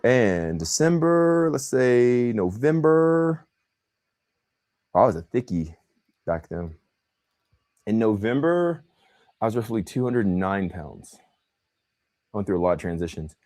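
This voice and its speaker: Deep-voiced and unhurried, leaving long pauses, a young man hosts a relaxed livestream. Still animated, he talks in slang and keeps calling people "bro" and "man."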